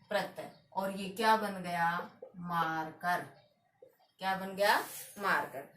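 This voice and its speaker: A woman teaching a grammar lesson, drilling each word slowly and answering her own questions on her words. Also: mid-range voice, a bit bright. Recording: echoey room, voice from a distance.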